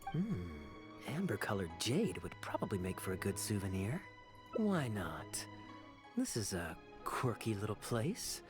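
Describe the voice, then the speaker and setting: An actor playing a suave, unruffled captain in a video game, with a smooth, wry and teasing delivery. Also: male voice, on the low side, huge pitch swings, a little slow, music in the background. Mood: wry, amused.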